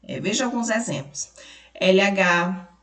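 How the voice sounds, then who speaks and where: A woman's voice: mid-range voice, a bit bright, far from the mic. Patient Brazilian woman teacher, roomy echo. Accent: Brazilian Portuguese. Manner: patient, explains slowly, spells out letters, asks pupils questions. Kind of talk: remote school lesson for children. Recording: echoey room, voice from off mic.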